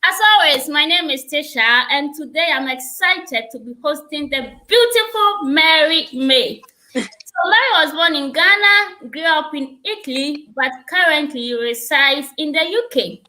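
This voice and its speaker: A woman's voice: sits high, animated, unhurried, low-quality recording. A woman hosting an interview series over a video call, upbeat and eager. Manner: upbeat, eager, with warm laughter. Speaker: host.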